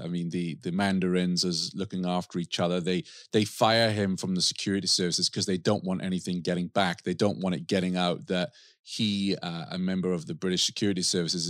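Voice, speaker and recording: A man's voice: sits low, a bit bright, no room sound, studio quality. A man hosting a podcast, giving a casual, enthusiastic book review with frequent restarts. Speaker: podcast host.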